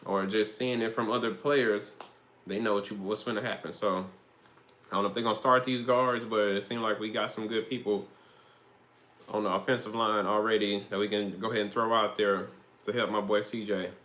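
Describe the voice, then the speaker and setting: A man's voice: lowish voice, fairly even intonation, fairly quick, fairly bright tone. Man, young adult, casual football commentary, rambling, slangy, cursing. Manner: rambling, slangy, swears freely. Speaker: host.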